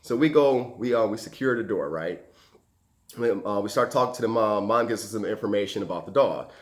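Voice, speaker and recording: A firefighter recounting an emergency call as a casual anecdote, acting out the people involved with lively quoted voices. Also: male voice, on the low side, a little fast. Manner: animated, acts out quoted voices and sound effects.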